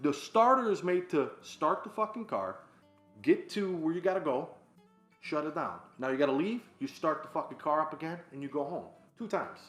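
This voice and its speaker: A man hosting a podcast, delivering a loud, profane, comedic rant about everyday annoyances. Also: a little high, normal speed. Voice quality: loud, animated, frequent swearing. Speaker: podcast host. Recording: echoey room with faint guitar music.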